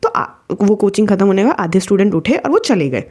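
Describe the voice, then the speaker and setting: A woman's voice: medium pitch, very animated, quick pace, a little mellow. A young woman telling a personal story in a casual, chatty way, mixing in English words as she talks. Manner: chatty, mixes in English words, frequent restarts. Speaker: vlogger.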